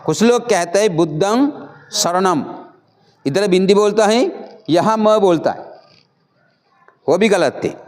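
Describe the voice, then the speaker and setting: A high-pitched male monk teaching chant pronunciation in an unhurried, measured way. He goes over each syllable again and again, patiently correcting the listener. His delivery is calm and deliberate. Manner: patient, repeats and corrects each word slowly. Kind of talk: pronunciation lesson.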